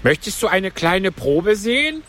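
A man voicing a tearful, sentimental female mock turtle in a high, sing-song voice, reading outdoors on a park bench. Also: sing-song, unhurried, a bit bright, slight background noise, full character voice. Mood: eager.

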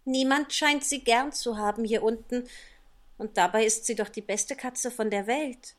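A man's voice: very high voice, normal speed, fairly bright tone, voice pushed up. A man voicing a polite, curious and eager little girl in an audiobook reading. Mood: wistful. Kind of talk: audiobook character voice.

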